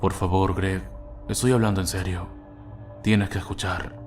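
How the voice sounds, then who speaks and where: Desperate, pleading mother in a horror tale, voiced by a deep-voiced male narrator. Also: flat delivery, unhurried, faint music behind. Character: frightened pleading mother, adult woman.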